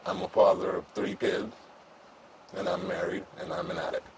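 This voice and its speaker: A man in his thirties, an anonymous interviewee whose voice is altered and pitched down to disguise him, speaking candidly and haltingly with fillers and restarts. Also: little pitch movement, very noisy. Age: 30s.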